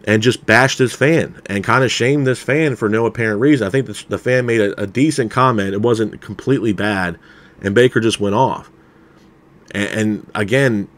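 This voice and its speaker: A man with a fairly low voice talks through a wrestling show review in a loose, casual way. He is candid and opinionated, and keeps dropping "you know" and "man" between his points. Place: unseen, voice over a title card.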